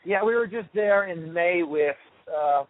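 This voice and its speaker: A man in a band, talking casually over the phone from a tour RV, relaxed and rambling with lots of fillers. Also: high-pitched, unhurried, no echo. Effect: heard over a phone line. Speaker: touring rock band member interviewed as guest. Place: tour RV on the road. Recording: tinny phone line.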